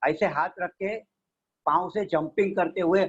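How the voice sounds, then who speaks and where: A man's voice: high-pitched, a little slow, breathy edge, lo-fi sound. A man explaining a meditation practice step by step to a group on a video call. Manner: steady, explanatory, mixes English terms. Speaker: meditation teacher.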